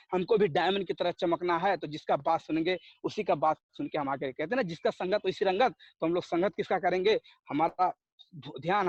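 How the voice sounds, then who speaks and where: A man's voice: sits high, no room sound, muffled recording. A man giving a motivational talk at a network marketing meeting, telling stories and firing rhetorical questions at the audience. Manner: storytelling, rhetorical questions, acts out dialogues.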